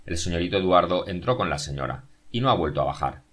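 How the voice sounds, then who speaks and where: A man's voice: low voice, expressive, fast talker, a bit bright. A man voicing a male household servant in an audiobook, answering in a plain, matter-of-fact way. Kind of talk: audiobook character reading.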